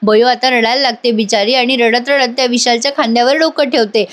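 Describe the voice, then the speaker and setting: A woman's voice: a little high, fairly even intonation, brisk. A woman doing a voice-over retelling of a TV serial episode, chatty and addressing viewers directly. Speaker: storyteller reviewing a TV serial.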